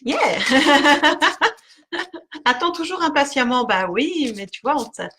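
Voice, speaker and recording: A woman with a slightly high voice leads a live oracle card reading and chats easily with her viewers, greeting them by name and filling pauses with little hesitations. A faint hiss sits under the recording. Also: big pitch swings. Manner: warm, chatty, frequent fillers and laughs, addresses viewers by name. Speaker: spiritual oracle card reader on a live stream.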